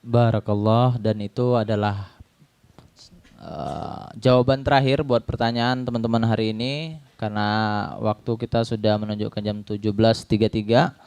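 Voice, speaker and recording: Smooth-voiced man hosting an event. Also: on the low side, fairly even intonation, normal speed, a little mellow, no room sound. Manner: hesitant with fillers. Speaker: event host. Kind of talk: closing announcements.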